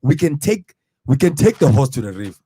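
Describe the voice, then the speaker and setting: A man's voice: medium pitch, sing-song, fairly quick, mellow, breathy edge, no echo. A young man with a South African accent hosting a radio breakfast show in casual, rambling chat, full of repeated fillers. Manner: rambling, filler-heavy, repeats "you know what I mean". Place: studio.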